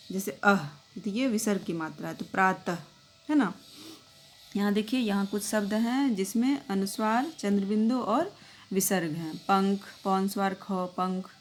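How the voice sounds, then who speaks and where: A woman's voice: mid-range voice, a little hiss or hum. A young woman teacher explaining a grammar lesson to young children, patiently checking in with tag phrases.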